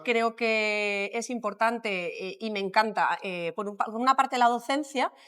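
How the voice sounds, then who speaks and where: A middle-aged woman from Madrid with a Spanish accent, a plastic surgeon talking as a podcast guest, thinking aloud with many pauses and fillers. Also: a little high, pushed and bright. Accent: Spanish from Spain. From Madrid, Spain. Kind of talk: podcast interview.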